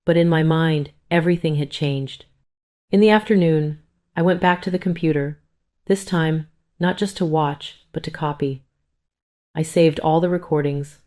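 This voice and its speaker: Low, calm woman narrating a story. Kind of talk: scripted first-person story narration.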